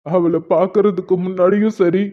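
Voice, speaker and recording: மனம் உடைந்த, அழுதுகொண்டே மெதுவாகக் கெஞ்சிப் பேசும் இளைஞனாக நடிக்கும் ஒருவர்; கார்ட்டூன் நாடகக் குரல். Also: male voice, sits high, steady tone, close to an everyday voice. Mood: heartbroken. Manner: tearful, pleading, slow broken speech. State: crying. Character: heartbroken young man, lovesick, weeping. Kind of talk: cartoon drama voice acting. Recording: dull lo-fi sound.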